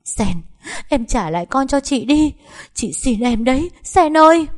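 A woman's voice: medium pitch, lively intonation, moderate pace, voice pushed up, close to an everyday voice. Woman voicing a grieving young wife. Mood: anguished. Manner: pleading, sobbing. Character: grieving young wife who lost her baby.

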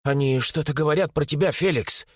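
A man voicing an anxious young woman with psychic powers, who gives hurried, nervous reports. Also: mid-range voice, animated, breathy edge, no echo, studio quality. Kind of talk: audiobook character voice.

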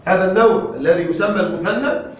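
High-voiced man teaching grammar in an echoey room. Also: distant mic. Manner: drills with questions to the students, slow on examples. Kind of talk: classroom lesson.

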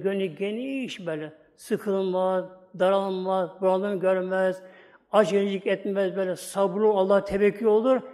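A man with a high voice preaches a sermon. He is middle-aged and talks to his congregation through stories and rhetorical questions. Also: a little mellow.

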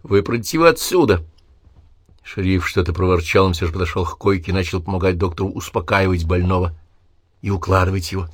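Deep-voiced man narrating an audiobook. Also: little pitch movement, quick pace, breathy edge, no room sound, clean studio sound. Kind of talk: scripted narration.

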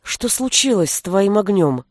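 A reader voicing a calm young woman who speaks softly and quietly, in a dry recording. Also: mid-range voice, unhurried, dry recording. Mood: eerie. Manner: hushed, soft-spoken.

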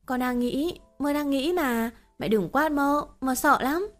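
A woman's voice: a little high, lively intonation, normal speed, pitched above the performer's own voice, close to an everyday voice. A woman voicing a naive, childlike sixteen-year-old girl who asks innocent, pleading questions. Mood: frightened.

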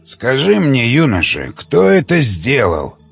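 Man voicing a gruff old cannibal lord. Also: mid-range voice, wildly swooping pitch, unhurried, no room sound, soft background music, exaggerated voice. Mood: somber. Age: older. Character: old weary cannibal leader, gruff, fatherly. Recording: dull lo-fi dry recording.

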